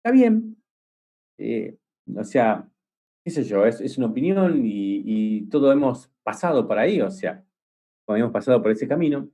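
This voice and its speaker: A man with a mellow, sing-song, medium-pitched voice gives a technical cybersecurity conference talk at a moderate pace. He's enthusiastic and rambling, full of fillers and restarts, and he explains things with vivid, homely everyday examples.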